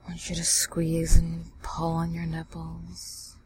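Slow, commanding young woman in whispered role-play. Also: completely flat delivery, a little hiss or hum. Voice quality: breathy whisper mixed with low soft voice.

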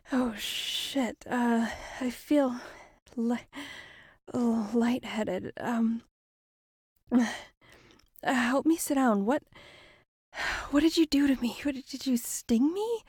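A woman voicing a female shapeshifting monster in an erotic audio role-play, breathy and halting, with sighs and drawn-out words. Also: on the high side, a little mellow, no echo, clean studio sound, heavily acted. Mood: dazed, weakening. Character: predatory female shapeshifting monster, seductive captor turned panicked prey.

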